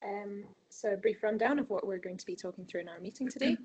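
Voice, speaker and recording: A woman's voice: medium pitch, fast talker, husky, low-quality recording. Woman laying out an agenda. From Scotland. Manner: steady, organized, opens with ums. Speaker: intern presenting a project. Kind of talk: presentation over a video call. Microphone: video call.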